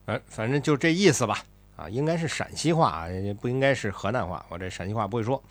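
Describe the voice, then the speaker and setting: A male storyteller who retells a classic tale in an animated, chatty way. His pitch leaps and dips constantly, and he breaks off for asides. The recording is dry and close. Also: quick pace, no echo. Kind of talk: colloquial storytelling of a classic novel.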